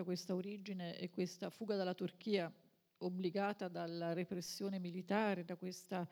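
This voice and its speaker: Flat, gravelly woman interpreting. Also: mid-range voice. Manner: fluent, measured summarizing. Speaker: moderator and interpreter. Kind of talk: summarizing interpretation at a literary event.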